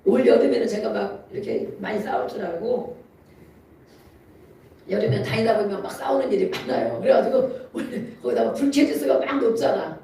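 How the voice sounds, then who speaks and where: Heard from a distance in a church sanctuary with plenty of echo, this preacher has a brisk, gravelly, dark voice of medium pitch. The sermon is conversational, full of storytelling and frequent laughter, and it climbs into emphatic exhortation.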